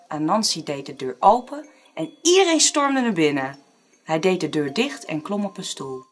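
A woman narrating a children's storybook in an expressive, dramatic way. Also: mid-range voice.

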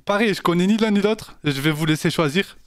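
A male streamer with a high voice talks loosely and animatedly to his chat. He sounds close and dry, with no room around him, and his slangy, off-the-cuff delivery keeps things informal. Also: fairly quick, no room sound. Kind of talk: casual live-stream chat.

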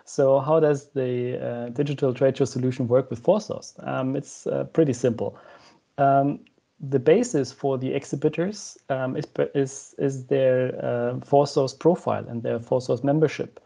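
Young man, gravelly and husky voice, dark tone, explaining with many ums, earphone mic on a video call. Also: mid-range voice, steady tone, unhurried. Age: young adult. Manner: explanatory, with frequent "um" fillers. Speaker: guest, co-founder of the company discussed. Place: room at home with shelves, indoors. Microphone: wired earphone headset mic.

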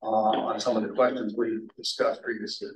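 Board member in an echoey meeting room. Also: male voice, on the low side, little pitch movement, moderate pace, far from the mic, slight background noise. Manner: conversational, hesitant fillers. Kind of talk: public meeting discussion.

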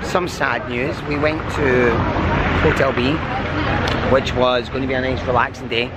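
A man's voice: mid-range voice, fairly even intonation, a little slow, very noisy. A man talking casually to his vlog viewers in an upbeat, enthusiastic way, like a cruise director.

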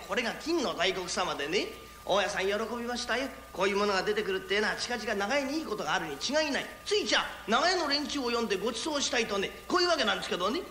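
A man playing a polite, well-mannered go-between. He explains things in a courteous, smooth way. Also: high-pitched, sharp tone, echoey room, slight background noise, exaggerated voice.

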